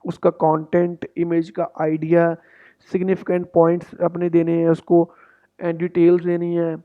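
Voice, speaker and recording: High-voiced man tutoring on a tinny line. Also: monotone, smooth. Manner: reads English instructions slowly, then explains them. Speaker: English test tutor. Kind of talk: explaining lesson. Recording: tinny phone-like audio.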